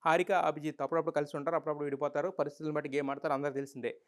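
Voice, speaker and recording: A man's voice: on the high side, level tone, racing. A man with a Telugu accent giving an opinionated, argumentative review monologue full of rhetorical questions. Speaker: reality show reviewer.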